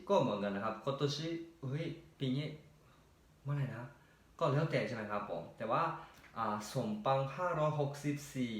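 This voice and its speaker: A man walks students through grammar answers at a patient, steady pace. His voice sits in a middle range and is neither high nor low. The recording has a noticeable room echo. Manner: patient, repeats "นะครับ" often and reads example sentences slowly. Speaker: Japanese language teacher. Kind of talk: explaining grammar answers step by step.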